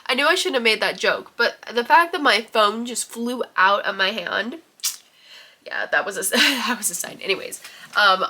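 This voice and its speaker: Stuffed up from a head cold, a young book vlogger talks into the camera in her room in a fairly high, expressive voice that's pushed and bright. Her pace is moderate, and her casual, rambling chatter is full of ums and likes.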